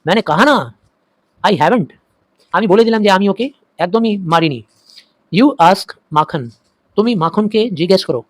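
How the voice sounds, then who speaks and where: A man acts out an angry young village boy in a told story, his voice raised and rushed as he protests. The pitch sits a little high, and the sound is dry and close. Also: expressive, dry recording. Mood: protesting. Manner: loud and hurried, protesting.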